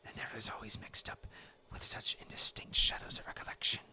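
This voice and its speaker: Fairly quick, bright and forceful, this storyteller is a man in his twenties from New England. He whispers his way through a classic sea tale in role-play ASMR fashion.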